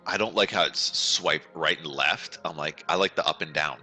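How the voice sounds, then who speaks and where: A young man in his twenties with a very deep voice co-hosts a relaxed podcast. His tone is strikingly bright and sharp, and he chats loosely, acting out his own reactions, over faint music. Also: normal speed, husky. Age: 20s. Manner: casual, quotes his own thoughts aloud. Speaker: podcast co-host. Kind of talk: casual chat.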